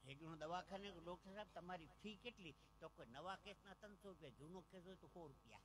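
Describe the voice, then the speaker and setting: High bright Gujarati comedian on stage. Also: male voice, fast talker, slight background noise. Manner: animated joke-telling, acting out other voices. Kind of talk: live Gujarati dayro comedy storytelling. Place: outdoor village stage with a PA system.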